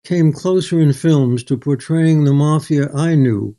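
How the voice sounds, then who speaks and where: In a reflective literary interview, an older guest author answers thoughtfully, measured and articulate. His voice sits on the high side yet carries a dark tone.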